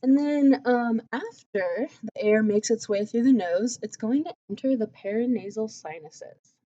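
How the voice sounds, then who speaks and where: A woman's voice: a little high, unhurried, mellow. A woman giving a recorded anatomy lecture, explaining casually with lots of "um" and "like". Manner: casual, chatty explaining with fillers like "um" and "like". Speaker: anatomy teacher. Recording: slightly dull lo-fi audio.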